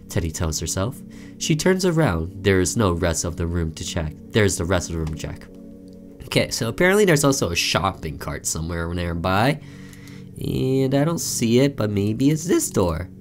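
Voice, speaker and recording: A man with a low voice does let's play commentary, reading a visual novel aloud theatrically and breaking off for offhand asides.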